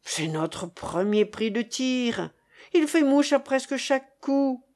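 A sarcastic, theatrical gentleman speaking with affected, mock-tragic gravity, as a woman puts him on in a storybook reading. The pitch rises and falls freely. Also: expressive, takes it slowly.

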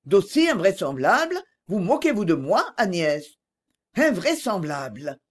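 A woman's voice: medium pitch, very animated, unhurried, breathy edge. A woman reading an audiobook voices a passionate young man who speaks reproachfully.

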